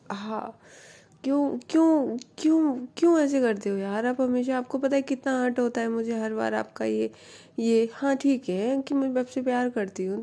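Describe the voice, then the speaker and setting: A young woman in love who is hurt and disbelieving, played by a woman storyteller, with a mellow, slightly gravelly voice. She stumbles and repeats herself, her words tumbling out in a flustered rush in a spoken romance story. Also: a little high, close to an everyday voice.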